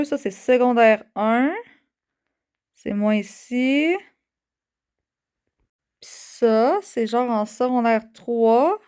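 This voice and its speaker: A woman's voice: a little high, a little mellow. A woman in her thirties with a Québécois French accent, chatting casually in a nostalgic vlog, full of fillers and slang. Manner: chatty, fillers and slang, reading old cards aloud. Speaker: vlogger.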